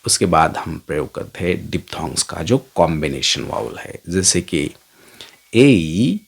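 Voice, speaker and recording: A middle-aged man teaching a phonetics lesson, drawing out each vowel sound slowly as he models it. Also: rumbling low, creaky, a bit bright, husky. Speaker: English teacher.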